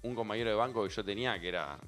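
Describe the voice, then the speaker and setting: A man, a guest on a talk show, calmly telling stories from his youth. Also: fairly low pitch, rapid-fire, soft background music. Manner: calm, reflective anecdotes. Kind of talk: casual storytelling.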